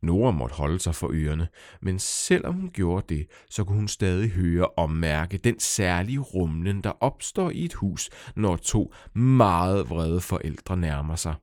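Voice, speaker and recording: Animated man reading a kids' story. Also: low-pitched, few pauses, no room sound, clean studio sound. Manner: playful, animated, speaking directly to children. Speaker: storyteller and author. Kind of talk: children's story narration.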